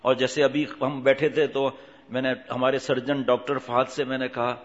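Speaking at medium pitch with little pitch movement, a man preaches an Islamic sermon, chatting with listeners, posing questions, and voicing characters from his anecdotes. The recording sounds dull, with a long hall echo.

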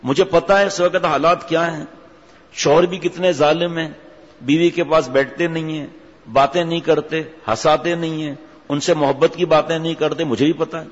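A man's voice: a little high, fairly even intonation. A man preaching a sermon in an emphatic, rhetorical, scolding manner. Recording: dull audio with long hall reverb.

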